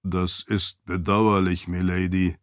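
A man's voice: deep voice, little pitch movement, slow, no room sound, studio quality, voice pushed down. A man voicing a dutiful floating light-spirit servant in an audiobook, stiff, formal and deferential. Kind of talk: audiobook character voice.

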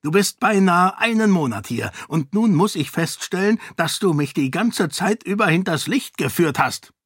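A man voicing a quick-tempered, greedy middle-aged king who snaps scornfully in a storybook reading. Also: on the high side, lively intonation, breathy edge, no echo, clean studio sound, voice pushed up, full character voice. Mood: angry. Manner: snapping, scornful, loud.

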